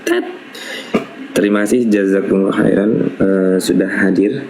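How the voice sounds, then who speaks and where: A man teaching a live Quran recitation lesson, patiently repeating syllables slowly as models for students to copy. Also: sits low, fairly even intonation, a little mellow, a little hiss or hum, poor audio.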